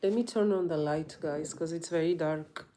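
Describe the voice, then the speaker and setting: A woman yoga teacher in a casual live vlog, talking reflectively in a thoughtful, halting way as she searches for words. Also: sits low, mellow, slight background noise.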